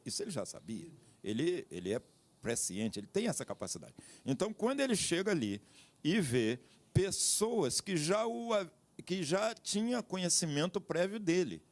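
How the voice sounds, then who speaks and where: Lively preacherly male Bible teacher. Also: fairly high pitch. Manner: explanatory, preacherly emphasis. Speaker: seminary teacher, guest panelist. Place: TV studio.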